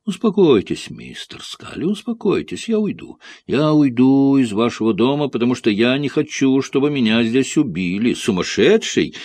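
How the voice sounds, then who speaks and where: A man voicing a frightened foreign traveller who insists, in a shrill, repeating voice, that he will be killed. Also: very animated, moderate pace, few pauses, a little mellow, breathy edge, no room sound. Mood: hysterical.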